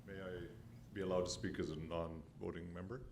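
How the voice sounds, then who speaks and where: A man, a provincial head of surgery, speaking earnestly from the floor of an assembly, halting and restarting. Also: sits low, steady tone, creaky, darkish tone, a little hiss or hum. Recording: roomy hall sound.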